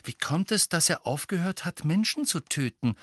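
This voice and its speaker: A man's voice: fairly high pitch, animated, moderate pace, a bit bright, no room sound, clean studio sound, voice pushed up. A man voicing an earnest, impatient teenage boy who asks direct questions, in an audiobook. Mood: earnest questioning. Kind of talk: audiobook character voice.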